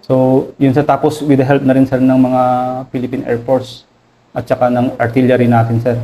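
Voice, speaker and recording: A Filipino army officer with a Filipino accent, recounting combat in an interview, deferential and halting, adding "sir" to nearly every phrase. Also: male voice, mid-range voice, monotone, dull audio, a little hiss or hum. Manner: deferential, says "sir" constantly, halting with many fillers. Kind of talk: interview storytelling.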